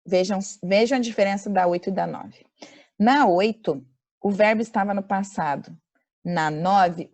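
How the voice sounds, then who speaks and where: A woman's voice: mid-range voice, darkish tone. Brazilian woman teaching grammar over video call. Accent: Brazilian Portuguese. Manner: slows to dictate examples, quizzes the class. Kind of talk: online grammar lecture.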